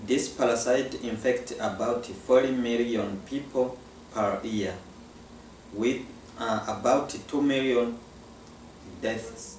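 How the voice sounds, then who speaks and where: A man at an ordinary pitch explains things slowly and deliberately. He sounds distant in an echoey room, with faint noise behind him. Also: darkish tone. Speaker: interviewee. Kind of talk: explanation for a documentary.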